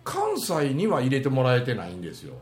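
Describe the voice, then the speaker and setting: A man's voice: mid-range voice, fairly quick, echoey room. A man from Mie with a Kansai-style Mie dialect, chatting casually and telling stories with laughter. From Mie, Japan. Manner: animated, laughing storyteller. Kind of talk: casual chat.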